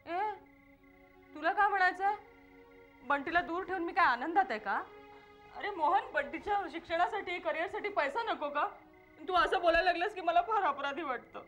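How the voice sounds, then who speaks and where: A woman's voice: very high voice, expressive, normal speed, fairly bright tone, soft background music. An actress playing a chatty, emotional wife who nags and argues with her husband, in a TV serial. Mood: tearful. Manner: nagging and playful, turns tearful. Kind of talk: TV serial acting.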